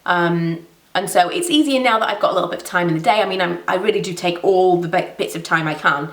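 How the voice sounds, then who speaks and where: A beauty vlogger in her thirties with a blocked nose from a cold chats through viewer questions in a home vlog, rambling and self-deprecating. She talks fast in a fairly low, slightly bright voice. The sound is reverberant and she's far from the mic.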